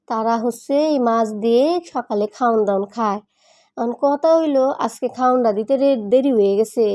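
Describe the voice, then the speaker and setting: A woman's voice: sits high, a little mellow. A middle-aged woman with a colloquial Bangladeshi Bengali accent, chatting in a home vlog while cooking in her kitchen and playfully scolding and coaxing her cats. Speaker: pet vlogger.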